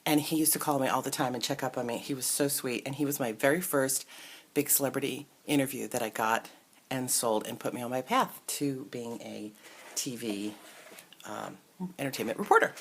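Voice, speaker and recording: A middle-aged woman, an entertainment reporter, chatting casually as she shows off an old toy set, musing aloud with fillers and soft asides. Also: extremely low pitch, moderate pace, slight background noise. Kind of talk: casual show-and-tell toy review. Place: indoors at a table with the toys. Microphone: camera mic close by.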